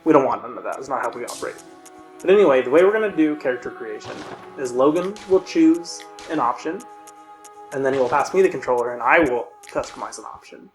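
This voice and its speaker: A man's voice: mid-range voice, expressive, quick pace, faint music behind. A man co-hosting a let's play, chatting casually and explaining the rules of the run.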